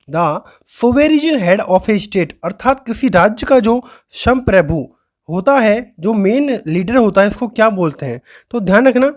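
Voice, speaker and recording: Man quizzing and repeating vocabulary. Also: sits high. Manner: asks quiz questions and answers them himself, repeating key words. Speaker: exam vocabulary teacher. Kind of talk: online lesson explaining words.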